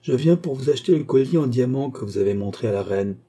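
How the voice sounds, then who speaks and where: A man voicing a vain, courtly older cardinal in a smooth, flattering, gently commanding manner in a storybook reading. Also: mid-range voice, fast, close to an everyday voice.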